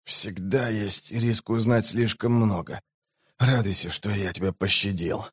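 A man voicing a dying male mage who speaks quietly, slowly and with a wheeze. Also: on the low side, breathy edge, no room sound, clean studio sound. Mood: weak, sly.

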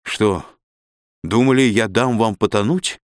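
A man reading a gruff practical officer. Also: fairly low pitch, a little slow, no echo, studio quality, close to an everyday voice. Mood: teasing. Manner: matter-of-fact, teasing. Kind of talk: audiobook character voice.

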